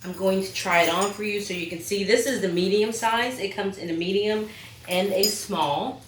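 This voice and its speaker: A woman in her thirties with a hoarse, raspy, smoker-like voice, chatting casually and gushingly as a craft vlog host. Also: mid-range voice, steady tone, normal speed. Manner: bubbly, gushing. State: hoarse from being sick. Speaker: host of bag-sewing tutorials. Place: small indoor craft studio. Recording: roomy echo, background hiss.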